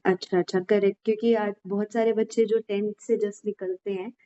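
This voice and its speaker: Woman podcast host, warm mellow voice, encouraging, muffled lo-fi sound. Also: mid-range voice, little pitch movement, fairly quick. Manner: encouraging, with frequent agreeing murmurs. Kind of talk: casual interview questions. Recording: dull, lo-fi audio.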